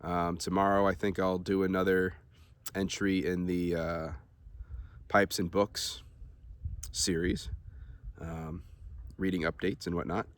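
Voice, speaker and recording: A man vlogging in a relaxed, rambling way, with many ums and uhs, talking to his viewers. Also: sits low, slow, dry recording. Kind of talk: casual talk to camera.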